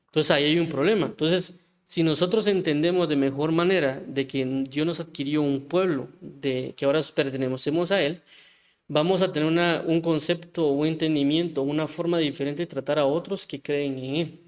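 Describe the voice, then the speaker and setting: A man gives an informal sermon, his voice sitting a little higher than most men's. He talks conversationally, stopping to restart phrases and tossing out rhetorical questions to his listeners. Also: fairly even intonation, moderate pace. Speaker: preacher.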